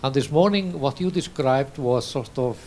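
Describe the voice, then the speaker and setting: A man's voice: mid-range voice, dark tone, a little hiss or hum. Man from Iceland asking a question at a conference. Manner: measured, with hesitations. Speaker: association president asking a question. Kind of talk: formal question from the floor. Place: conference room.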